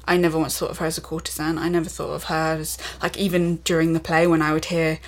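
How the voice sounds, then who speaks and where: A woman's voice: sits low, little pitch movement, fast talker. A woman actor, chatting as a guest in an interview and using lots of fillers. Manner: chatty, lots of fillers, rises into laughing asides. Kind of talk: casual interview chat.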